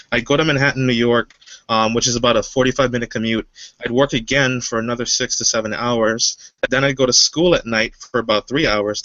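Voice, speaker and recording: A man's voice: mid-range voice, sharp tone, no echo, dull audio. A man from Guyana, a webinar guest, telling his story casually with many fillers. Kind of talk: personal story.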